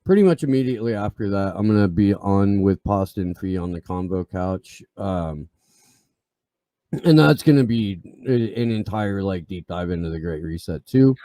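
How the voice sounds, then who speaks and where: A man with a gruff, scruffy voice co-hosting a casual live stream, rambling and swearing, full of fillers and restarts. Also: sits low, lively intonation, normal speed, warm tone, no echo. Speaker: podcast co-host.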